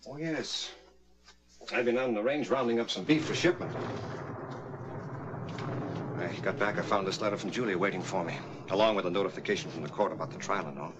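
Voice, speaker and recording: A male actor plays a plain-spoken rancher and concerned brother in a mid-century suspense drama. His low voice is steady and courteous, with a reasoning, straightforward delivery. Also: a little fast, long pauses, noisy background, lightly acted. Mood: polite, steady.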